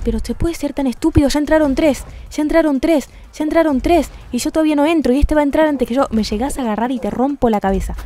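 Rioplatense woman streamer yelling at a game. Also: fairly high pitch, slight background noise. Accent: Rioplatense Spanish. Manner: swears and shouts at the game, chatty asides to viewers. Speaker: gaming streamer. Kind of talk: casual gaming commentary.

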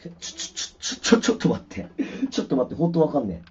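Over dull, distorted lo-fi stream audio, a musician at home rambles casually, full of fillers, while testing his mic and guitar. His voice is on the high side, sing-song and very fast, with a darkish, husky quality.

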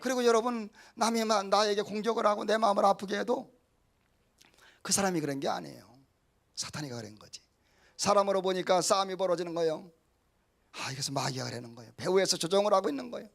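A man's voice: high voice, quick pace, creaky. A middle-aged male pastor preaching a sermon in a folksy way, acting out little quotes and calling out hallelujah.

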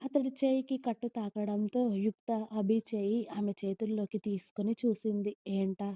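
A woman narrating a romantic family story in a calm, even storytelling manner. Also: mid-range voice, moderate pace, dry recording, studio quality.

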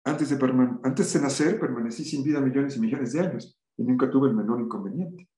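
Reading passages aloud during a video-call lecture, a middle-aged man interjects his own comments and restarts now and then. His warm, mid-range voice runs a little fast, and the recording is reverberant.

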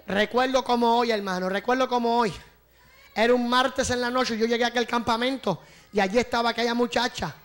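A man preaching a fervent sermon as an evangelist, calling out to the congregation. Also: very high voice.

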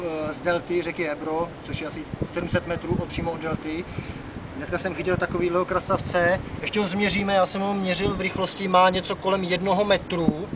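Man chatting outdoors on a river dock. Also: high-pitched. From Czech Republic. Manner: chatty, with frequent "eh" fillers. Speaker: angler and fishing vlogger. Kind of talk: casual outdoor fishing talk to camera. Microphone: camera mic from a few meters away. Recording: distant camera mic with outdoor noise.

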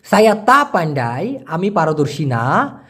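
A man giving a casual language lesson, explaining slowly and repeating words as he breaks them down. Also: on the high side, very animated, fairly bright tone, breathy edge. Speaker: language teacher.

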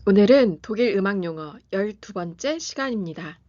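A woman hosting a music lesson, reading a scripted lesson and pronouncing German terms slowly and carefully. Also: medium pitch, animated, dark tone, highs cut off. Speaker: piano teacher and channel host.

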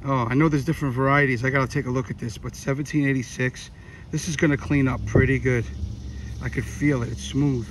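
A man narrating his metal detecting finds outdoors in a casual way, often exclaiming with excitement. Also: mid-range voice, fairly quick, a little hiss or hum. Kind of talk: casual narration while digging. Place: outdoors in a large field.

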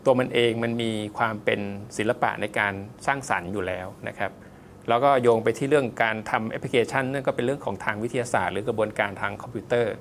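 Fast-talking gravelly man explaining design. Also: mid-range voice, fairly bright tone, a little hiss or hum. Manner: polite, explains step by step with loose fillers. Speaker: font designer guest. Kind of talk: explanatory interview answers.

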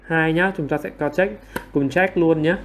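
Higher-voiced man coaxing students for answers. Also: steady tone, very noisy. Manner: self-deprecating, quick to apologize with laughs. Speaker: online English teacher. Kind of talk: livestream quiz teaching.

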